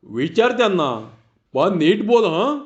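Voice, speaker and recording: Bossy foreman warning a villager, male storyteller's own voice, slow, lo-fi. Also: high voice, very animated, heavily acted.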